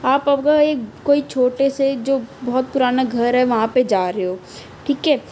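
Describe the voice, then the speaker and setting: Slow, high-voiced young woman teacher. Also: fairly even intonation, darkish tone, a little hiss or hum, low-quality recording. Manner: explains slowly, reads lines aloud, repeats meanings. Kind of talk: line-by-line poem lesson.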